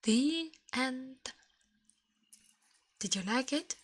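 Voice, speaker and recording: This woman's ASMR livestream mixes fable reading with chat, all in a gentle, hushed whisper right up against the mic and with slightly non-native phrasing. She sounds high-pitched and animated, stretches her words out, and there's no echo.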